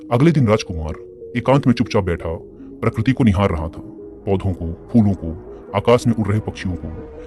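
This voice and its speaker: A man narrating a story in calm, measured storytelling. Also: fairly low pitch. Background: music.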